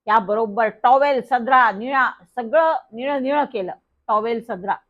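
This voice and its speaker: High-voiced woman telling a children's story. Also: unhurried. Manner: lively first-person storytelling. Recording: dull lo-fi recording.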